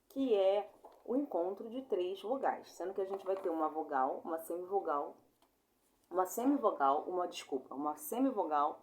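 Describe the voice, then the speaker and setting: A young Brazilian woman giving a casual online grammar lesson, chatty and informal, apologizing often and spelling sounds out slowly. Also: mid-range voice, slight background noise. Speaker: Portuguese teacher.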